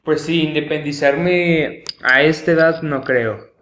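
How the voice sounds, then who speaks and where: A man's voice: on the high side, slow pace, fairly bright tone, slight background noise. A young man with a Mexican accent chatting casually and slangily with his friends. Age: young adult. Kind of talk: casual chat among friends. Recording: echoey room.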